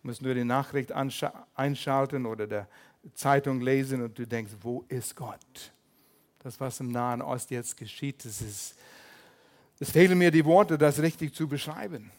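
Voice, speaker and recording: An older man preaching a sermon as pastor, lively and humorous, with small slips in his German. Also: medium pitch, moderate pace.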